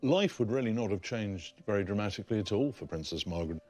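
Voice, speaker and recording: Historian guy, lowish voice, explaining old papers, leans on key words. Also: lively intonation, fast, darkish tone, faint music behind. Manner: explains documents, emphatic. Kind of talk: explanatory interview.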